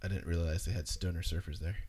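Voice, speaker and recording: A man's voice: low-pitched, fairly even intonation, fast, a little mellow, breathy edge. A man chatting casually and jokingly as he comments on game clips.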